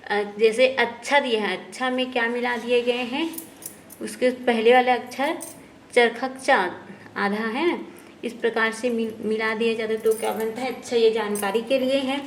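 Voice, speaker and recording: A woman teacher slowly going through textbook exercises, often asking a question and then answering it herself. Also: fairly high pitch, steady tone, a little hiss or hum. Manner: slow, explanatory, often asks and answers herself. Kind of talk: textbook lesson walkthrough.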